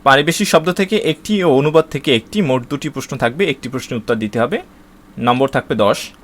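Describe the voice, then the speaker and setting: This Bangladeshi-accented male teacher moves fairly quickly through an exam syllabus for his students, at average pitch. Item by item he reads out long lists, stumbling into restarts and filling pauses with "uh."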